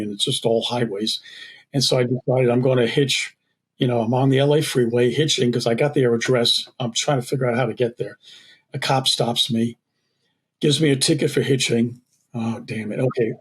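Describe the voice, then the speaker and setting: A man from New York, a theatre director guest on a podcast, telling lively anecdotes and acting out the people in them. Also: mid-range voice, breathy edge. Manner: animated anecdotes, acting out the people in his stories. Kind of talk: casual storytelling in a podcast interview.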